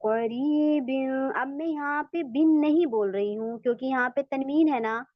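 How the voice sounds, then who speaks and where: A woman teaching a recitation lesson to women. She patiently repeats each step and draws out sample words slowly. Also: high-pitched, no room sound. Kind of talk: online tajweed lesson for women. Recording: dull, lo-fi, dry sound.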